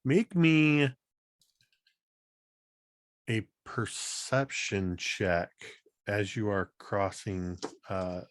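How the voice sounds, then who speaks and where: A man runs a tabletop game as its game master, narrating in a very low voice. He takes his time between phrases, and the sound is dry and close. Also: animated, extremely slow, long pauses, dry recording.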